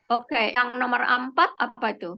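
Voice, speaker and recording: A woman leading an online prayer meeting on a video call, calling on each person gently by name. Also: a little high, steady tone, normal speed, gravelly, highs cut off.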